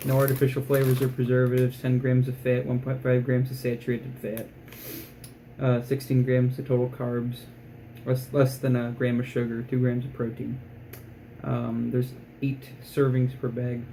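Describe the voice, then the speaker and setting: Mellow-voiced man in a casual food review. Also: mid-range voice, completely flat delivery, normal speed, slight background noise. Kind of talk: casual product review vlog.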